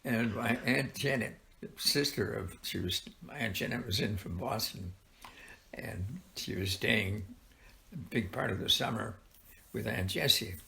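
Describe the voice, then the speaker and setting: An elderly man with a gravelly grandpa voice, telling childhood stories informally in a halting, rambling way with frequent pauses. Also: fairly low pitch, sharp tone. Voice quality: gravelly, creaky. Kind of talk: informal oral storytelling.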